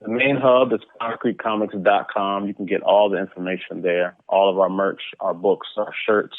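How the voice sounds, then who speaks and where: A comic book publisher, guesting on an interview, talks in a low, fairly even voice at a moderate pace. He chats casually and informally, often repeating words and phrases. The phone-like line sounds muffled, with no room sound.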